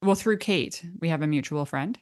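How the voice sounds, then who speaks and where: Dog trainer lady hosting her podcast, excited and chatty, bit low pitched. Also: normal speed. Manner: enthusiastic and chatty, with fillers and restarts. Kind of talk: podcast interview.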